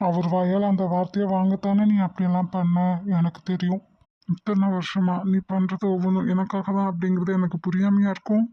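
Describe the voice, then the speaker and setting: A woman voicing a withdrawn, guilt-ridden young man in an animated drama, speaking in subdued, weary, curt replies. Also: lowish voice, fairly quick, no room sound, lo-fi sound, close to an everyday voice. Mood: weary, brooding.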